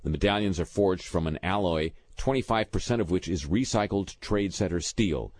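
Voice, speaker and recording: A man's voice: deep voice, moderate pace, darkish tone, no echo. A man hosting a show, reading out news items in a wry commentary style and dropping sardonic offhand asides between them. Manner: reads news items with quips and small restarts.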